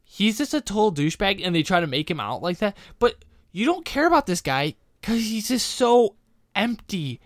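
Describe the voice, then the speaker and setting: A man's voice: high voice, sing-song, normal speed, no room sound, clean studio sound. A man co-hosting a podcast in casual chat, ranting animatedly with many restarts. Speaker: podcast co-host.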